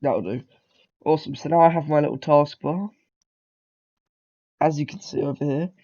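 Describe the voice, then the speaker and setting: On a muffled recording, a man with a slightly high, dark voice speaks at a moderate pace. He has a cold and gives a rambling, casual beginner coding tutorial, correcting himself often and punctuating it with ums and throat clearing.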